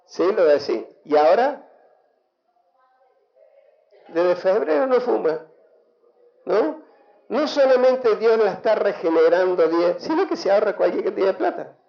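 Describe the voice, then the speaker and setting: A man's voice: sits high, very animated, a little slow, gravelly, pauses often. A man with an Argentine Spanish accent, a pastor giving an emphatic sermon and calling for responses from the congregation. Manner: emphatic preaching with call-and-response. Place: church hall. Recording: echoey church hall, dull lo-fi sound.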